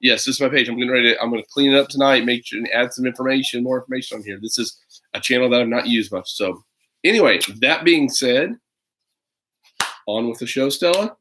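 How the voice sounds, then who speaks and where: A parent in his thirties livestreams casual chat and a children's storybook reading, full of rambling, hesitation, and playful asides. He talks fast in a medium-pitched voice whose tone is bright and forceful.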